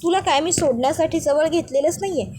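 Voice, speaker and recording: A playful, affectionate young husband from a family drama teases and coaxes his wife, read out by a woman narrator. The voice sits high, with an easy, light manner. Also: fast talker, dark tone, slight background noise, close to an everyday voice. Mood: teasing. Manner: teasing, coaxing.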